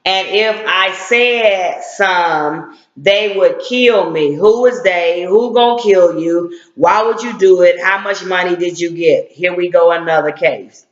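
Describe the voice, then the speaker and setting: Man, middle-aged, activist, blunt, confrontational, slangy, high voice, echoey room, lo-fi audio. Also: slow. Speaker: civil rights activist. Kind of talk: heated online rant. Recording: echoey, dull lo-fi sound.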